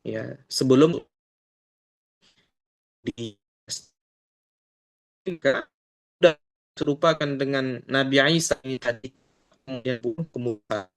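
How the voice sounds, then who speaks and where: Brief: man teaching a religious lesson, mid-pitched, voice cutting in and out on a bad connection. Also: slow pace, pauses often, no echo, rough recording. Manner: steady and explanatory, with many "ya" and "eh" fillers. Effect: choppy audio breaking up on a bad online connection. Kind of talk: storytelling religious lesson over an online call.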